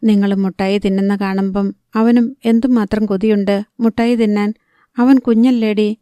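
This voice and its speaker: Woman reading a harried village mother for an audiobook: sharp when scolding, gentle when soothing, mellow and smooth, dry close sound. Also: medium pitch, fairly even intonation, moderate pace, dry recording, close to an everyday voice. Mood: tender. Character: stern, harried young fishing-village mother.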